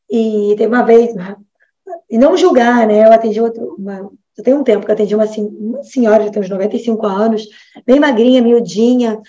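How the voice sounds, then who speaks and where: A woman's voice: on the high side, darkish tone, lo-fi sound. A Brazilian woman who is a nutritionist, giving a casual online lecture to health professionals and checking in often with her listeners. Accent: Brazilian Portuguese. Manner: chatty, frequent "né?" and "tá?" tags, acts out patient dialogues.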